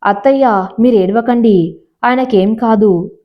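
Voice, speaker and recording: A woman voicing an anxious, devoted young pregnant wife who speaks softly and pleadingly. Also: fairly high pitch, unhurried, lightly acted. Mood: distraught. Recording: slightly dull lo-fi audio.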